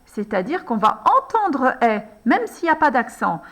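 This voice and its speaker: A woman slowly and patiently guiding a young child through a handwriting lesson, one letter and one word at a time. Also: sits high, very animated, a bit bright. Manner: patient, addresses the child as tu, frequent "alors" and "hein". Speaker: handwriting teacher.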